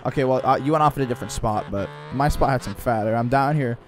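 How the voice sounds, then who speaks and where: A young man chatting casually while gaming with a friend, excitable and full of frat-bro slang. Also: mid-range voice, quick pace. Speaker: gamer. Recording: clear background noise, game engine sounds.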